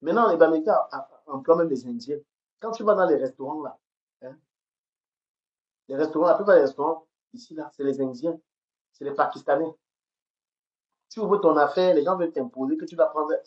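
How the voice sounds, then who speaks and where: A woman from Cameroon hosts a livestream, ranting angrily in a heated, repetitive way and stumbling over words, recorded on a phone camera. She speaks in a low-pitched voice, a little fast, pausing often. The audio is dull.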